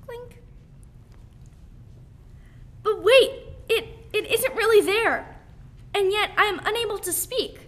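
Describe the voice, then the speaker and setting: A woman's voice: very high-pitched, bright, forceful tone, full character voice. A teenage girl playing an earnest, anxious woman doctor heroine in a school radio play, with dramatic, emphatic delivery. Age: young teenager. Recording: faint background noise.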